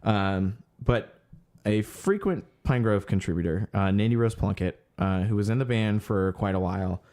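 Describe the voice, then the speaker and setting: A man's voice: lowish voice, normal speed, darkish tone. A man co-hosting a casual podcast, going through music news with lots of ums and unfinished sentences. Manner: hesitant, many ums, trails off searching for words. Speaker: podcast co-host reading the news.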